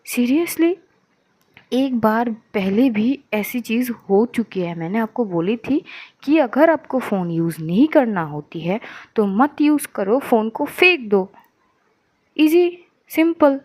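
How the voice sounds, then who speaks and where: A woman voicing an angry young woman who scolds her girlfriend in rapid tirades, in a storytelling narration. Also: on the high side, animated, darkish tone.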